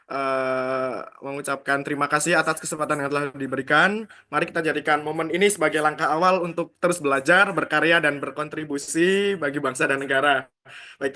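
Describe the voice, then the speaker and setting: A man's voice: on the high side, pushed and bright. A young man, a cadet, giving polite, formal closing remarks on behalf of his colleagues. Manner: polite and deferential. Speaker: cadet speaker, land-affairs college.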